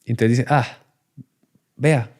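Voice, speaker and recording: A man's voice: medium pitch, brisk, darkish tone. A man, talking in a reflective, conversational way as a podcast guest, acting out children and parents in his examples. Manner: acts out child and adult voices in examples.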